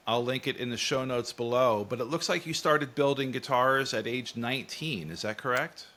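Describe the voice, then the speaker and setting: A man's voice: medium pitch, moderate pace, pushed and bright. A man hosting a casual interview, chatting and asking questions. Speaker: interview host.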